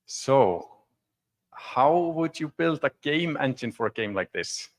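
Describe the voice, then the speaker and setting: This Icelandic conference presenter has a mid-range voice that is expressive, delivered at a measured pace. Speaking to an audience from the stage during a technical demo, he keeps it informal, conversational and explanatory.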